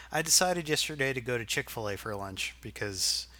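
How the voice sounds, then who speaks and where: Bright-voiced man telling a rambling story. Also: medium pitch, measured pace, dry recording. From Arkansas. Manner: rambling, profane, animated storytelling. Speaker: podcast co-host. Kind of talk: casual storytelling chat.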